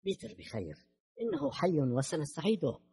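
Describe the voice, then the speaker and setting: A man doing a soft reassuring grown man. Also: mid-range voice, big pitch swings, brisk, slightly rough. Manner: soft, gentle. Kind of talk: audiobook character voice.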